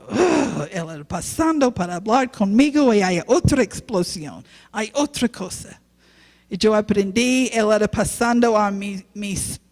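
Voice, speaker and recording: Woman preacher, slow halting sermon in a church with long reverb. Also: a little high, darkish tone. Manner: halting non-native Spanish, slow and earnest. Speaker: guest preacher, youth pastor. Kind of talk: sermon with personal testimony.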